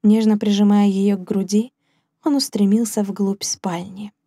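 A woman with a medium-pitched voice narrates a scripted audiobook in a calm, measured storytelling manner. The recording is dry, with clean studio sound.

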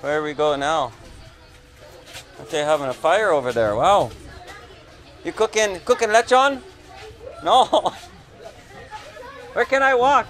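With long pauses and an unhurried pace, a middle-aged Canadian vlogger in a high, slightly bright voice chats with locals in short, simple phrases while walking a busy village neighborhood. His action camera, held or worn, picks up crowd and street noise along with soft background music.

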